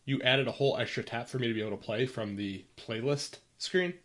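A man's voice: mid-range voice, brisk, fairly bright tone. A man co-hosting a podcast in casual chat, stating firm opinions and arguing his points. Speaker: podcast co-host.

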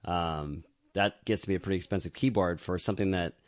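A man with a very low voice chats casually on a podcast, rambling with fillers and laughing easily. His voice sits close and dry on the mic, with no room sound. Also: steady tone, a little fast, dry recording. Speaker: podcast co-host. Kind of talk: casual chat.

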